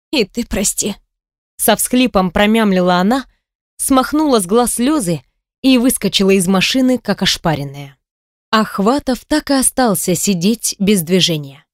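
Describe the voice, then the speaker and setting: A woman narrating an audiobook in an even, measured reading. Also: mid-range voice, no echo, studio quality. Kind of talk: scripted narration.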